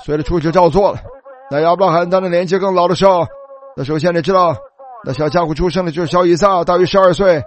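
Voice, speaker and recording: Man, preacher, sermon, high voice, animated storytelling, calls out hallelujah. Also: fast.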